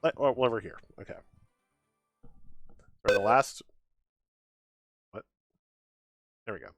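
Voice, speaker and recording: A man's voice: fairly low pitch, takes it slowly. A man giving chatty, casual live game commentary with wry asides, switching into reading on-screen text aloud. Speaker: game streamer. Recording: game music behind the voice. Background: video game music.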